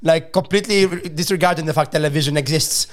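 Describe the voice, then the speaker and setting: A man's voice: a little high, fast. A man in his late thirties in casual chat, often making self-mocking jokes. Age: 30s.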